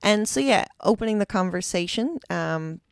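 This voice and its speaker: A middle-aged woman from Alaska and Minnesota, a keynote speaker talking as a guest in an animated, expressive way. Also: mid-range voice, normal speed, vocal fry, smooth, no room sound, clean studio sound. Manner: animated, expressive, playful mimicry. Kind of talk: casual podcast conversation.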